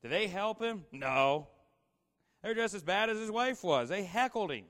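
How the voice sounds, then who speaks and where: A man gives a casual, storytelling sermon in a large hall with slides, asking the audience questions and repeating "you know" often amid many fillers. His high-pitched voice is animated and fairly bright at normal speed, and the recording carries long hall reverb.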